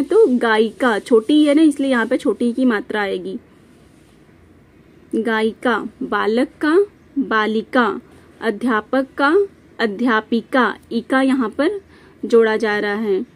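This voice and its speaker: A young woman teaching a grammar lesson from notes, repeating each rule and example slowly. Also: high voice.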